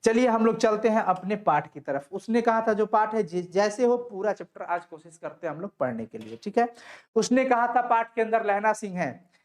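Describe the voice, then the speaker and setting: A man's voice: sits high, lively intonation, moderate pace. A young man teaching a Hindi story in an online class, repeating his own questions and answering them, reassuring students as he goes. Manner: reassuring, coaxing students to listen.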